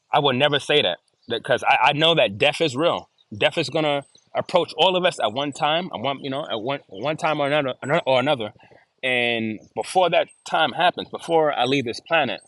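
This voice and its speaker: A man's voice: mid-range voice, a bit bright, no room sound. A man talking as an interview guest in casual chat, earnest and given to repeating and restarting his phrases. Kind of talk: casual video-call chat.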